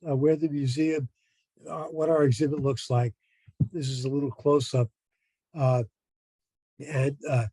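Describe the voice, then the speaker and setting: A man giving an informal educational talk as a museum presenter, explaining things in a halting way. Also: fairly high pitch, a little mellow, slightly rough, no room sound.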